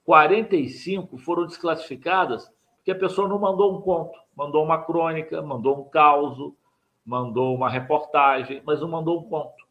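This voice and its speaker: Older male writing teacher, slightly higher pitch, explains point by point for a live webcam class. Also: normal speed, highs cut off. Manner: didactic, repeats key points, asks viewers to like and subscribe. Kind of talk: live online mini-lesson. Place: home study with bookshelves.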